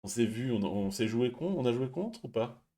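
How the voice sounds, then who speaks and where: Lively quiet-spoken stream host. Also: male voice, medium pitch, normal speed. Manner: quiet, lively, laughs often. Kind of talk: casual chat reading viewer messages.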